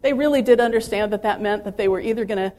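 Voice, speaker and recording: A woman in her fifties gives a personal, faith-centered talk to ministry staff, her voice medium in pitch, dark in tone, and quick. She's chatty and self-deprecating, full of fillers and restarts.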